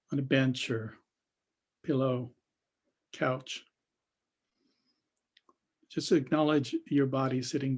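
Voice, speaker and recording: Leading an unscripted guided meditation, a teacher speaks in a husky, mid-range voice. His delivery is halting, broken by long pauses, with phrases that trail off.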